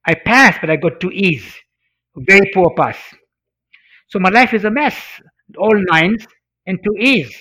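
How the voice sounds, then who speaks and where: A middle-aged Tanzanian man, a native Swahili speaker, shares a personal story in an interview, his fairly high voice sounding pushed and bright. He speaks earnestly and emphatically, repeating phrases for effect. The recording is dull and lo-fi.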